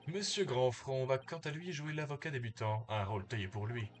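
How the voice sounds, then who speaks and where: A man reading aloud as a smooth, teasing young male prosecutor from a video game. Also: medium pitch, normal speed, a little hiss or hum, natural voice. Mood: smug.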